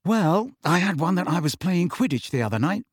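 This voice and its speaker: A grumbling teenage schoolboy wizard, voiced by a male narrator in a storybook reading, pitched a little higher than the narration. He whines and complains with gloomy exasperation, recorded dry and close. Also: sing-song, moderate pace, slightly rough, no echo, heavily acted. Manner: complaining, whiny.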